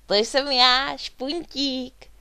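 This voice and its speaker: A woman's voice: sits high, big pitch swings, smooth, no room sound, pitched above the performer's own voice. A woman voicing a small, cheerful male dragon in a storybook, with a curious, eager way of talking.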